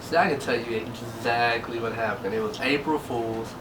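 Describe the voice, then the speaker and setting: A man's voice: mid-range voice, normal speed. A twenty-year-old man co-hosting a casual Q&A vlog, laid-back and full of slang. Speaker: vlog co-host. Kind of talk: casual Q&A chat. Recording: distant mic with steady background noise.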